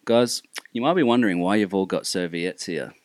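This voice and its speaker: A man's voice: deep voice, fairly quick. A middle-aged Australian man hosting a casual group chat in a blokey, matey everyman way. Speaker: podcast host.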